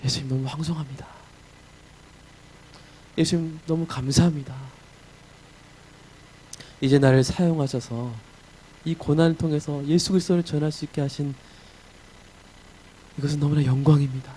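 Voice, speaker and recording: A man voicing a humbled male apostle praying in prison, speaking softly and slowly with gratitude. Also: on the high side, steady tone, slight background noise, natural voice. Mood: humbled, grateful. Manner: soft, slow, hushed prayer.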